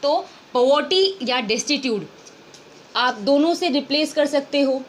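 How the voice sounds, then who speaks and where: A high-voiced woman gives an exam-prep vocabulary lesson in Hindi mixed with English, often posing questions and answering them herself. She's expressive and unhurried. There's a little hiss or hum in the recording.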